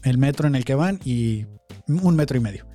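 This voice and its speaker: A man hosting a podcast reacts to videos in a casual, incredulous manner with frequent fillers, speaking at normal speed with a Mexican Spanish accent. His voice is medium-pitched and dark, with lively intonation. He's recorded on a close studio mic, with faint music in the background.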